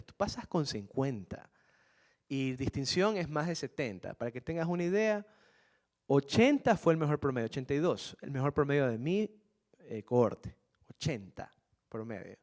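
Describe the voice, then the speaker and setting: Earnest man telling his story to students. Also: mid-range voice. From Ecuador. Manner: earnest, repeats key phrases, addresses listeners as "jóvenes". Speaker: guest speaker to students. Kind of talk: personal storytelling talk.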